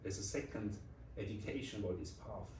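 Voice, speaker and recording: Speaking English as a second language with a Swiss German accent, this forties-aged Swiss man, a design executive, reflects casually as an interview guest, using non-native phrasing and restarting often. The off-mic, distant recording has a roomy echo and slight background noise, and his low-leaning, darkish voice keeps a normal pace.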